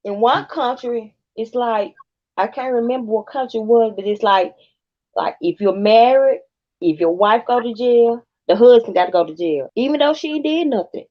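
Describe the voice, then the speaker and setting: A woman in her fifties joins a livestream as a guest, talking plainly in a slightly high voice. Her audio comes through somewhat muffled and lo-fi, like a remote call. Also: moderate pace. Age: 50s. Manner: plainspoken, agreeing and adding her own view. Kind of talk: casual conversation.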